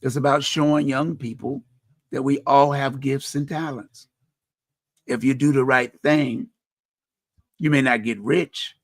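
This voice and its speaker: This middle-aged man hosts a community radio talk show, his deep voice speaking earnestly about faith and helping others. He often restarts his phrases as he reflects personally, and the recording has no echo.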